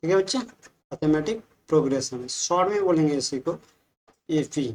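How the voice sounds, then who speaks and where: Woman maths teacher, Bihari Hindi accent, low voice, steady patient classroom talk. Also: moderate pace. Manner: patient, repeats "ठीक है" and checks with the class.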